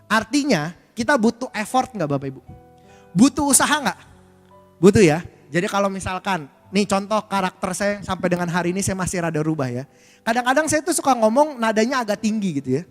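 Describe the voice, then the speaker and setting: High-voiced man preaching in a church hall. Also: animated, fairly quick. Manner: conversational preaching, frequent filler tags, addresses the congregation. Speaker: pastor. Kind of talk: sermon. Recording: church hall reverb with faint music.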